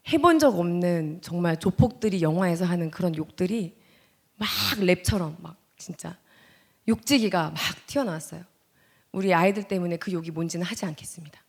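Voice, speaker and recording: Emotional woman giving a church testimony. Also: fairly low pitch. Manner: emotional storytelling, acts out her own past words; swings between loud outbursts and hushed, near-whispered lines. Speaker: guest speaker, actress giving testimony. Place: church sanctuary.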